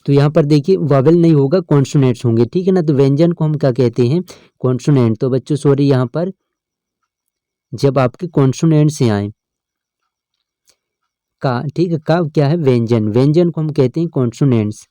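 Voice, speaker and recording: Dark-voiced man teaching English grammar. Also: medium pitch, normal speed, no room sound. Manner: explains step by step, often adds "ठीक है ना". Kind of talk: exam-prep lesson.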